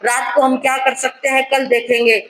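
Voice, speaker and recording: A woman's voice: high-pitched, flat delivery, moderate pace, a bit bright, slight background noise. A woman voicing a helpless doctor who speaks in a resigned, matter-of-fact way.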